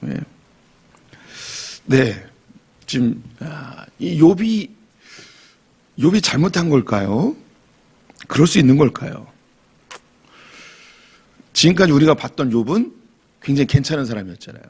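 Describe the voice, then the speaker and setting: A man's voice: on the high side, big pitch swings, measured pace, pauses often, darkish tone, slightly rough. A male pastor giving an expository sermon in a church, speaking conversationally and asking the congregation questions.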